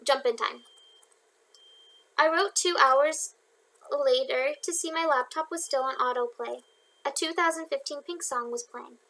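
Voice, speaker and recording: Young woman reading her own book aloud, high voice, relaxed, little slips and asides. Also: unhurried, long pauses, rough recording. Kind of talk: audiobook narration.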